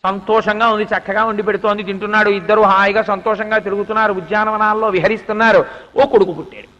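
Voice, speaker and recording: A man's voice: high-pitched, fairly even intonation, fast, pushed and bright, in a large hall, muffled recording. A man giving a spiritual discourse, telling a story animatedly and acting out its dialogue with explanatory asides. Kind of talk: Telugu religious discourse, storytelling.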